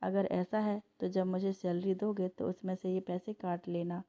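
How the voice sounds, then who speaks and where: A woman's voice: fairly low pitch, little pitch movement, dark tone, close to an everyday voice. Meena, a chatty young girlfriend, read by a woman. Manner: chatty, quick to protest. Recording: dull lo-fi recording.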